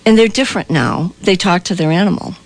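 A woman's voice: on the low side, lively intonation, fast talker, creaky. A woman guest on a radio show, an animal communicator telling an emotional story in an emphatic, earnest way.

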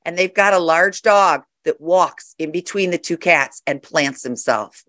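A woman co-hosting a casual chat who tells lively stories about her pets and clients. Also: fairly low pitch, a little slow, dry recording, clean studio sound. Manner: animated storyteller, acts out animals' lines.

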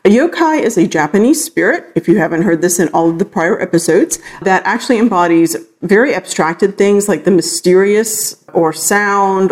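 A woman's voice: fairly low pitch, a little mellow. A woman hosting a podcast solo, talking casually into a recorder with chatty, rambling asides. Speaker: podcast host. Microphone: talking into a handheld recorder.

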